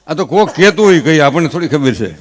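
A man with a Kathiawadi Gujarati accent, a stage comedian mixing folksy, animated stories with earnest advice. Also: a little high, fast talker. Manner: folksy, animated storytelling with gestures; earnest advising. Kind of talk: humorous stage talk with advice.

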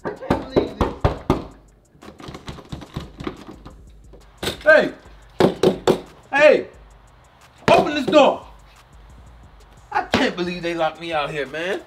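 A man playing a grumpy, exasperated seventy-year-old grandpa, grumbling in a loosely improvised family comedy skit. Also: fairly high pitch. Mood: indignant. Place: around a house, indoors and outdoors. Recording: noisy, roomy, distant camera-mic sound.

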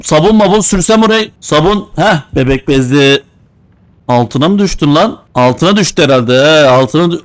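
A young man from Adana doing casual let's-play commentary on a horror game, joking and slangy, with sudden loud outbursts and bits of baby talk. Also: high-pitched, no echo. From Adana, Turkey. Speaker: gamer playing a horror game.

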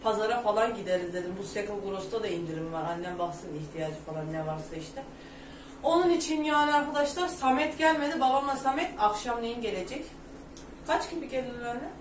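A woman chatting loudly and rambling to her viewers in a casual home vlog. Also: a little high, expressive, fairly quick, noisy background. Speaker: vlogger. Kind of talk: casual chat to camera. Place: home, indoors. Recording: echoey room.

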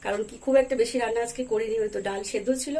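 Fast-talking woman narrating her cooking. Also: fairly high pitch, warm tone. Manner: chatty, explains each cooking step to viewers. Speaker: village vlogger. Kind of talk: casual cooking vlog narration.

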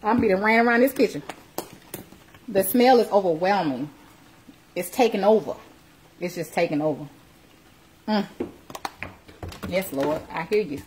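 A woman's voice: medium pitch, animated, unhurried, pauses often, a little mellow, slight background noise, low-quality recording. A woman in her thirties hosting a live home cooking stream from her kitchen, chatting playfully with viewers and throwing in churchy exclamations. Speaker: home cooking show host. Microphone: phone camera, moving between close and across the kitchen.

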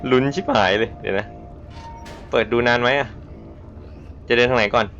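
A gameplay streamer plays a horror game live, muttering tensely and whispery to himself and letting out sudden yelps when startled. His medium-pitched voice is steady, gravelly and a bit bright at normal speed, with soft background music. The lo-fi sound is dull with a faint hiss.

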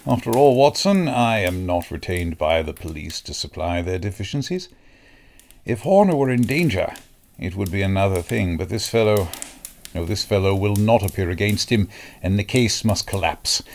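A man playing a calm, authoritative detective in a radio drama who speaks in a measured, reflective way. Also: low voice. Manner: measured, stern then reflective.

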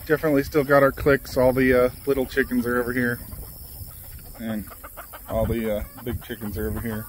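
A man's voice: medium pitch, fairly quick, slight background noise. A man hosting a farm vlog, chatting casually and rambling with fillers while filming outdoors. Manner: relaxed, rambling, lots of fillers. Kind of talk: casual chat while doing chores. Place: outdoors on a ranch among chickens and cows.

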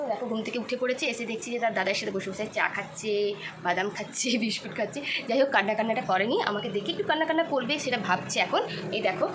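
A woman, casually vlogging and talking straight to her viewers. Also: on the high side. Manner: chatty, addresses viewers directly. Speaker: family vlogger. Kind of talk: casual vlog chat. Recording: loud background noise.

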